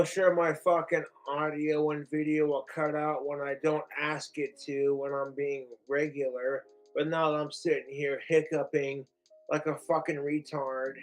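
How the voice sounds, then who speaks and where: A man's voice: a little high, low-quality recording. A man streaming, ranting in a casual, profane way. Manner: profane, slow-paced ranting.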